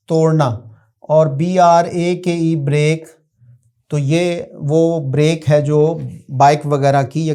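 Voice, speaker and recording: A male teacher with a Pakistani Urdu accent explains grammar to his students step by step. His voice sits a little high and he talks at a very unhurried pace. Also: warm tone. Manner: slow, explanatory, addresses students directly. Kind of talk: classroom lecture.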